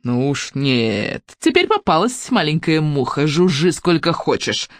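A reader voicing a greedy, predatory woman innkeeper in an audiobook fairy tale, gloating and shrill. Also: sing-song, measured pace, dry recording, studio quality. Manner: shrieking, gloating.

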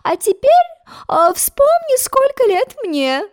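A woman's voice: sing-song, slow pace, exaggerated voice. A woman voicing a fussy, tearful old queen who shrieks and wails. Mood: coaxing. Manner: wails and shrieks in a high, shrill voice.

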